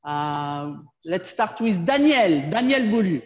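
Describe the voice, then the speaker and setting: A woman hosting a video fundraiser, giving halting opening remarks with many pauses and fillers. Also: lowish voice, very animated, a little mellow, long reverb tail, highs cut off.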